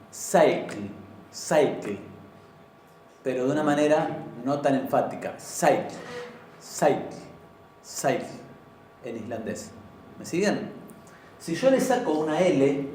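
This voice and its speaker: A man teaching a language class, patiently explaining and repeating words slowly. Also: medium pitch, mellow, slight background noise. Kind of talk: informal classroom lesson. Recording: very echoey room, from far off.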